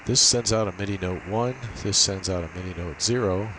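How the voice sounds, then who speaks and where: A deep-voiced amateur radio operator gives an informal screen demo, walking through his setup while thinking aloud in a halting way. He records on a built-in laptop microphone, so a steady hiss from the cheap mic runs underneath.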